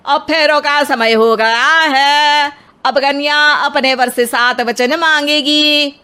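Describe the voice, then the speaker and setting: A woman voicing a solemn wedding priest in an animated moral story, speaking ceremoniously. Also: high-pitched, slow, exaggerated voice.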